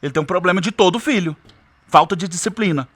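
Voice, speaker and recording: Forceful Brazilian man giving advice. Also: sits high, fast, slightly rough, dry recording. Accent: Brazilian Portuguese. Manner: forceful, direct, addresses parents head-on. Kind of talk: emphatic advice talk.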